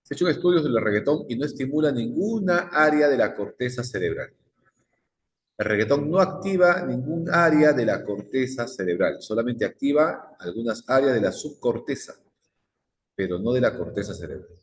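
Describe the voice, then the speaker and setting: A man's voice: mid-range voice, lively intonation, normal speed. A male psychology teacher, lecturing a class and firing repeated questions at the students. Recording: echoey classroom with long reverb.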